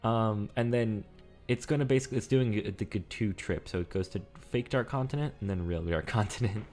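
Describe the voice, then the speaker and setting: A man's voice: on the low side, fairly quick, darkish tone, faint music behind. A man reading aloud casually as a streamer, adding his own commentary as he goes.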